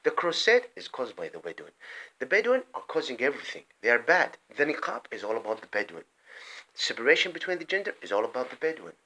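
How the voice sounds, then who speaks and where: A vlogger delivers an impassioned political monologue in a fast, husky, medium-pitched voice, ranting in animated bursts. He rambles and hammers his points, often breaking off to start over, swinging from loud outbursts to muttered asides.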